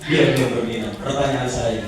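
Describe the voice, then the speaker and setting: A man's voice: moderate pace, crowd noise. A man giving a motivational business seminar to a live audience, acting out little dialogues in a raised voice. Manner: animated, acts out dialogues in a high voice. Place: large indoor hall with audience. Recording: echoey hall, mic heard from far off.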